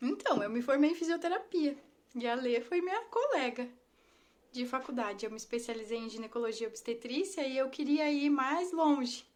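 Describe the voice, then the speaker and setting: A woman's voice: sits high, lively intonation, normal speed, darkish tone. A woman, hosting a casual live stream and greeting viewers by name in an affectionate way. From Brazil. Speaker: Instagram live host, ThetaHealing instructor. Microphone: phone or laptop mic on a live stream.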